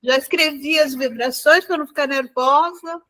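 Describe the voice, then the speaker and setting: A tired woman chatting casually on a video call, talkative and quick to chime in. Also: high voice, a bit bright. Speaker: study group member. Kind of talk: casual chat.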